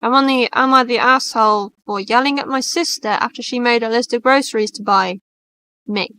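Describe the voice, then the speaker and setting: This stream co-host, a woman in her twenties, reads posts aloud and chats in a blunt, casual way, swearing without fuss. Her bright voice sits fairly high, with a brisk pace and clean tone.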